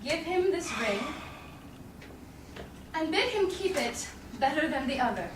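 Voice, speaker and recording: A young woman with a high, very animated voice plays a witty, self-possessed noble lady in a Shakespeare staged reading, projecting at a measured pace from a small theatre stage before an audience. Her mood is poised and knowing. A far camera in the audience captures it, leaving the sound roomy, distant and noisy.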